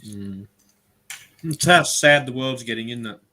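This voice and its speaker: An Australian man hosting a casual live-stream chat, rambling and chatty, often speeding up in quick bursts. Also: medium pitch, expressive, sharp tone. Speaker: host.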